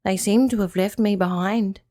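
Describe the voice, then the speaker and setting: A woman voicing a gentle, kind male hay bale character in a children's audio story, speaking softly and a little lower than her own voice. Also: fairly even intonation, normal speed, no echo, clean studio sound, close to an everyday voice.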